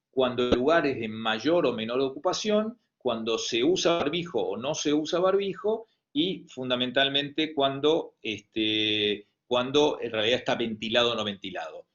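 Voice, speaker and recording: The speaker is a man whose mid-range voice carries a slight brightness and an Argentine Spanish accent. He hesitates through an online medical lecture, restarting often and leaning on fillers, heard via flat, lo-fi video-call audio.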